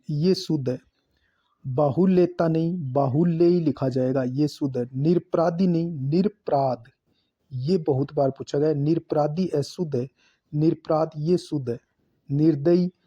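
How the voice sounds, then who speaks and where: A man gives a grammar lesson at an unhurried pace, repeating each word and saying which form is correct. His voice sits a bit high but sounds soft and dark in tone. The recording is dull and lo-fi. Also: husky. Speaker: teacher. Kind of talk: exam-prep grammar lesson.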